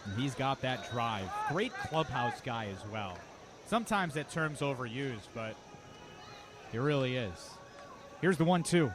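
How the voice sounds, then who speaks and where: A man calls a baseball game live on radio, chatting conversationally between pitches and raising his voice when the action happens. His delivery is unhurried with lively intonation, and the broadcast carries loud outdoor ballpark noise.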